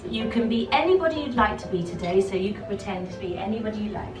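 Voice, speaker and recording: Female etiquette instructor, prim and gently encouraging, recorded at a distance with loud music and clinking china. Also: medium pitch, expressive, fast. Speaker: etiquette teacher. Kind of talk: instructional talk to a young group. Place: echoey indoor tea room with clinking china. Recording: echoey room, distant mic, loud music, clinking dishes.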